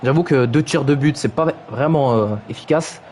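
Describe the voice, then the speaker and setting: This streamer's voice is medium in pitch and darkish, moving at a moderate pace over slight background noise on his streaming mic. Playfully calling a video game football match, he teases players by mocking their names, reads out chat messages and lets out "aïe aïe" exclamations.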